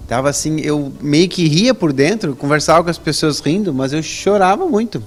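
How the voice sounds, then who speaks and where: A man's voice: normal speed, faint music behind. A man, a guest telling his personal religious testimony in a conversational way, often ending sentences with a questioning tag. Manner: lively storytelling with rising pitch on emphasis. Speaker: interview guest.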